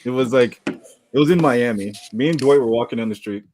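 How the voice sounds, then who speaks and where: A man's voice: medium pitch, a little fast, a little hiss or hum. A man co-hosting a casual podcast, telling stories with lots of laughter. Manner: laughs through his stories, animated retelling. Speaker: podcast co-host. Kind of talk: casual storytelling chat.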